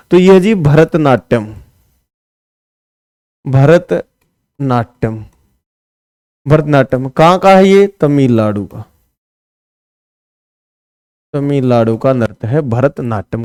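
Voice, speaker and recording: Guy doing exam prep quiz lesson, asks then answers, keeps saying "right?", bit high voice, dry sound. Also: darkish tone, smooth, no echo. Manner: asks questions then answers them, repeats answers with "है ना"; casual, scolds sloppy notes. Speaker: exam coaching teacher.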